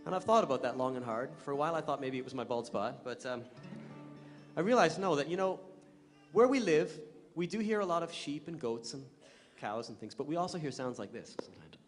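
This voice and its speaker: Chatty man with a higher voice on a reverberant stage. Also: animated, brisk. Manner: chatty, joking, talks to children in the audience. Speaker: singer-songwriter performing for an audience. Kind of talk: live stage chat between songs. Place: performance hall with an audience. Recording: long hall reverb with guitar music. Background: guitar.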